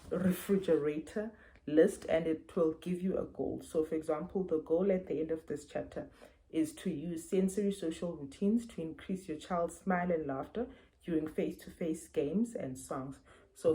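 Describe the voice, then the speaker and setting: A woman's voice: lowish voice, dark tone, low-quality recording. A woman with a South African accent, a parent casually reviewing books to camera and explaining things earnestly with examples, recorded on wireless earbuds.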